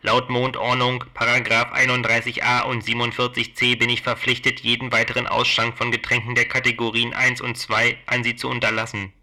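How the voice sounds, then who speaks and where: A man's voice: mid-range voice, monotone, fairly quick, few pauses, pushed and bright. A man voicing a stiff robot barkeeper in an audiobook, with a formal, officious, bureaucratic manner.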